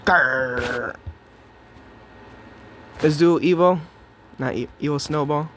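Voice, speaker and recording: A man's voice: medium pitch, moderate pace, gravelly, a little hiss or hum. A young man giving casual, jokey commentary on his own match, talking to himself and to his opponent. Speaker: gameplay commentator. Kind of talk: live gameplay commentary.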